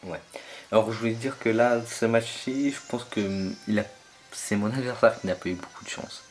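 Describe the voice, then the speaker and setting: A man's voice: lowish voice, steady tone, moderate pace, soft background music. A young man commentating his own online battle game match, hesitant and full of fillers as he searches for names.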